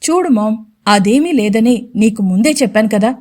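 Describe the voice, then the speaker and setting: A woman's voice: on the high side, expressive, normal speed, darkish tone, natural voice. A woman voicing a young male CEO, a stern and protective husband who speaks firmly and curtly in a Telugu audio story. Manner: firm, curt, commanding.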